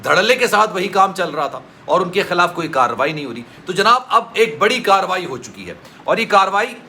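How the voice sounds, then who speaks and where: A man's voice: fairly high pitch, bright, forceful tone, slight background noise. A man from Pakistan, hosting a news vlog and talking earnestly and formally, often addressing the viewer as "sir". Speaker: news vlogger. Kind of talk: news commentary monologue.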